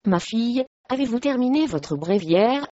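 A woman's voice: on the high side, expressive, normal speed, warm tone, dry recording, highs cut off, close to an everyday voice. A woman reading the part of a stern, irritable medieval lord who scolds his household.

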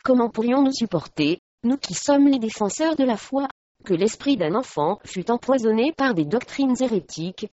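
A woman's voice: on the high side, animated, moderate pace, mellow, dry recording. A woman reading the part of a wrathful, stern male archbishop, speaking harshly and commandingly. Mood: indignant. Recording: dry, slightly muffled recording.

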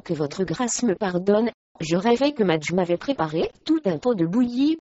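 A woman's voice: mid-range voice, lively intonation, normal speed, warm tone, no echo, natural voice. A sleepy, bumbling old chaplain monk, half awake and fond of food, as a woman narrator puts him on. The recording is dry and slightly muffled. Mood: drowsy.

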